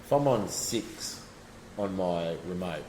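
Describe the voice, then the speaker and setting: A man's voice: sits low, expressive, slow, darkish tone. An Australian man chatting casually and explaining his fishing technique, often restarting his sentences. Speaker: guest angler. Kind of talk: casual chat. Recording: echoey room, faint background noise.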